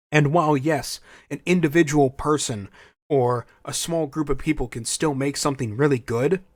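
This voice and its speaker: A young podcast host with a higher voice delivers a casual, opinionated solo rant, often restarting phrases. A cold leaves him slightly scratchy and stuffy, and the recording is dry.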